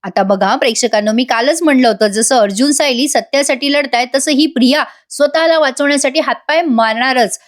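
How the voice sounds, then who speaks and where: A woman's voice: high voice, fairly quick, few pauses. A woman giving a chatty voice-over review of a TV serial episode, speaking directly to viewers.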